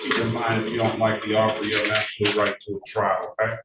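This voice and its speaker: A man speaking as a judge in a procedural courtroom recording of a remote hearing, informal but deliberate with numbers. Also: fairly low pitch, flat delivery. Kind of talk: procedural courtroom talk on a video call. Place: remote court session on a video meeting. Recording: echoey, muffled, noisy distant-mic courtroom recording.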